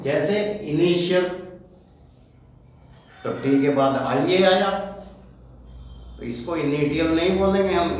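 A male teacher with a slightly high voice explains English pronunciation rules slowly and deliberately. He spells words out letter by letter. He is picked up from a distance in a very echoey room with a faint hiss behind him. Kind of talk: Hindi-medium pronunciation lesson.

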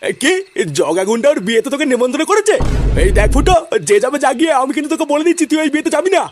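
A man's voice: very high-pitched, animated, rapid-fire, music in the background. A man voicing an irritable old grandfather in a cartoon, scolding and cursing. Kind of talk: cartoon voice acting.

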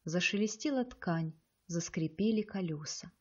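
Mellow-voiced woman narrating an audiobook. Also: lowish voice, animated, a little slow, slightly rough, lo-fi sound.

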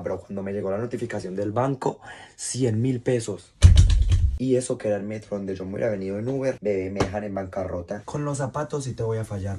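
A man's voice: fairly low pitch, dark tone. A man from Colombia with a Colombian accent, chatting jokily in a casual travel vlog and now and then bursting into shrieks. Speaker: vlogger.

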